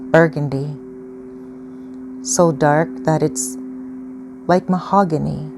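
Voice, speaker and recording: A woman leading a calm guided grounding exercise as a meditation guide, giving patient, step-by-step instructions. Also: sits low. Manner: slow, patient, instructional phrasing. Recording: clearly noisy ambient background.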